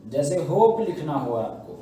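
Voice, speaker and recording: A man's voice: on the high side, very animated, unhurried, mellow, a little hiss or hum. A man teaching shorthand, explaining step by step in a patient classroom manner and answering his own questions. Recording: echoey room, voice from a distance.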